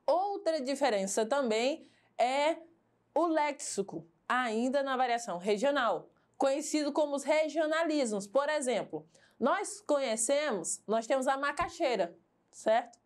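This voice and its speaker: Higher-voiced woman teaching a lesson. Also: expressive, unhurried. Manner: explains step by step, asks and answers her own questions. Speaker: Portuguese teacher. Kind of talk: televised classroom lesson.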